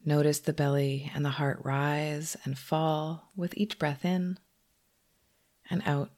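With a low voice and a flat delivery, this female teacher leads a guided meditation, speaking softly and slowly with long pauses between phrases.

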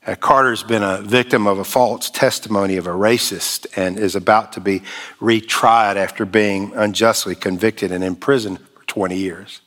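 A man preaching a sermon as pastor, measured and emphatic with long pauses. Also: lowish voice, fairly even intonation, a bit bright.

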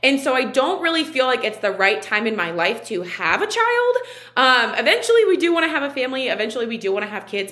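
A woman's voice: on the high side, sharp tone. A woman in her twenties hosting her own podcast, talking in a chatty, candid way with frequent fillers. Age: 20s. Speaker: podcast host and online wellness coach. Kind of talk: casual solo podcast talk.

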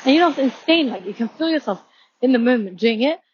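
Talking fast and expressively, a woman in her twenties rambles through a walk-and-talk vlog as she heads home outdoors from a station, breathless and packing her speech with "like." Her voice is a little high and slightly mellow, on a muffled recording with a bit of hiss or hum.

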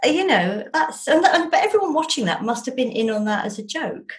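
Speaking briskly in a high, sing-song voice, a middle-aged woman with an English accent chats as an interview guest. She's enthusiastic and jolly, heaping up emphatic words in casual conversation.

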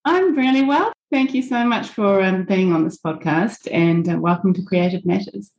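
A woman's voice: medium pitch, normal speed, a little mellow, a little hiss or hum. A woman hosting a podcast and interviewing a guest over a video call, her voice echoey because she recorded without a microphone. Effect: echoey room sound from recording without a mic. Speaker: podcast host. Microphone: built-in computer mic on a video call.

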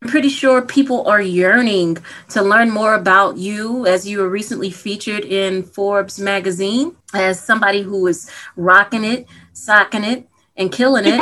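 Bright-voiced chatty woman host. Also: medium pitch. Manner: chatty, laughs often, playful banter. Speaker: podcast host. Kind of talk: casual interview chat.

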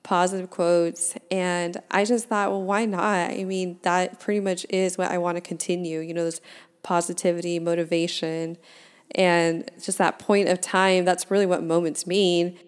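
With a fairly low, clear, resonant voice and a flat delivery at normal speed, a podcast host in her twenties talks casually on her own show. She is open and talkative, often laughing at her own expense.

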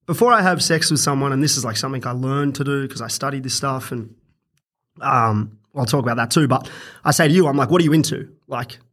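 A young man on a podcast, telling a story in a crude, casual way and swearing freely, getting animated as he goes. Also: mid-range voice, brisk. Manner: crude, swears a lot, animated when retelling stories. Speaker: podcast guest.

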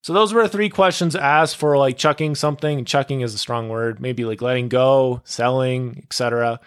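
A man's voice: mid-range voice, moderate pace, clean tone. A young man hosting his podcast alone, talking casually and going off on tangents, with lots of "like" and "dude.". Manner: rambling, goes off on tangents, full of "like" and "dude". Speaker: podcast host. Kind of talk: casual solo podcast monologue.

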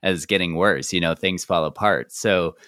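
A man's voice: sits low, moderate pace, a bit bright, no room sound, clean studio sound. A man co-hosting a podcast, musing aloud in a rambling, casual way with fillers. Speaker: podcast co-host.

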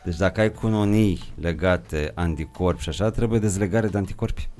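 A man hosting a casual chat, lively and jokey. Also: sits low, soft background music.

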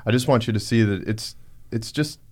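A man with a somewhat low voice hosts a podcast. He talks earnestly, often stopping to restart a phrase, with plenty of "um" and "you know". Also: fairly quick. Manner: earnest, many fillers and restarts. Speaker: podcast host. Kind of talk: casual podcast talk.

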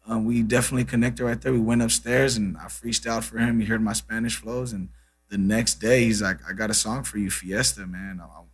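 In a casual interview chat, a guest musician from Brazil in his thirties, a native Portuguese speaker, talks in a laid-back way full of "you know" and "man." His lowish voice is slightly rough, fairly quick and fairly even in intonation.

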